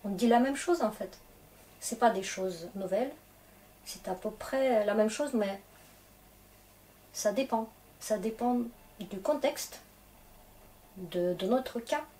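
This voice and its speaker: A woman's voice: mid-range voice, lively intonation, slow pace, pauses often, dark tone, recorded from a distance. A woman teaching a grammar lesson in a casual, chatty way, often checking in with her students to encourage them. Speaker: Russian teacher.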